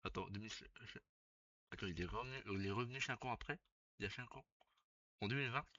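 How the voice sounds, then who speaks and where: A young man talks loosely on his live stream, cursing and laughing out loud as he reacts. His voice sits low and close to the mic, but the stream audio is dull and lo-fi. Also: quick pace, dry recording. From Belgium. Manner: casual, swearing, loud bursts of laughter.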